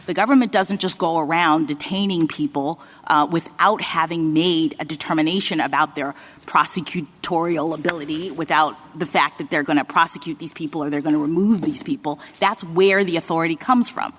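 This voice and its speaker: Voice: mid-range voice, brisk, a bit bright, big-room sound, slight background noise. A judge questioning counsel, reasoning aloud to build a point. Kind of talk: courtroom oral argument.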